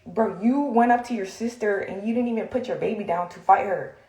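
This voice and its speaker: A woman's voice: mid-range voice, brisk, darkish tone. A young woman in a heated, blunt rant to the camera, swearing and filling with "like". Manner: heated, blunt, swears often, many fillers. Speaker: social media personality. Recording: echoey room.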